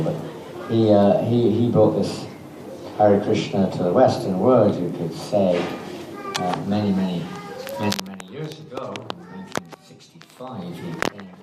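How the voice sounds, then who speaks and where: Low-voiced man teaching in an echoey hall. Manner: conversational, rambling with restarts and chuckles. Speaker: spiritual teacher giving a class. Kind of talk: informal spiritual talk. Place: temple hall. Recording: roomy hall audio from a distance, noisy.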